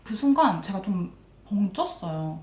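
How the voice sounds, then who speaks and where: A woman beauty vlogger casually telling a story while doing her makeup, blunt and animated, swearing and acting out the scenes. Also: mid-range voice, unhurried, reverberant.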